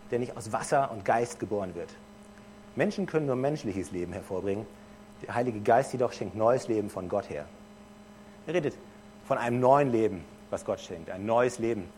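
A man preaching a sermon in a lively, conversational way, speaking straight to his listeners. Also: medium pitch, moderate pace, a little hiss or hum.

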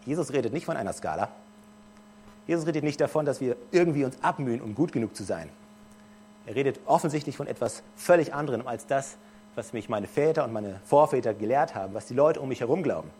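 A man preaching a sermon in a lively, conversational way, speaking straight to his listeners. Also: medium pitch, a little hiss or hum.

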